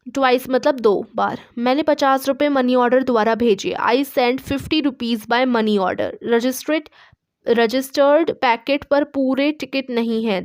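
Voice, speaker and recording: A woman teaching English in an online lesson, reading Hindi sentences and saying the English versions slowly. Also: high voice, a little mellow, dry recording, studio quality.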